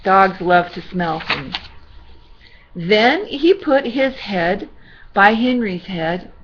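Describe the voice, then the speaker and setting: A sweet, gentle older woman, a grandmother reading a children's storybook aloud with reassuring, chatty asides to a child. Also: medium pitch, animated, slow pace, muffled recording, noisy background.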